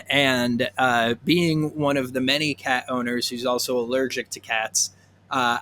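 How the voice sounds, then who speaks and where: A man's voice: mid-range voice, sharp tone, a little hiss or hum. A man hosting a podcast, chatting casually and plugging a product with lots of fillers and self-deprecating jokes. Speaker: podcast host.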